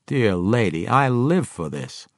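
A man's voice: on the low side, very animated, slow, dry recording, full character voice. A man voicing a drow mercenary who speaks in a dry, flippant manner.

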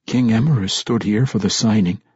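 A man's voice: fairly low pitch, husky, no echo, muffled recording. A man playing Bruner, a brooding king. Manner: quiet, measured. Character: brooding dwarf king, quiet and doubting.

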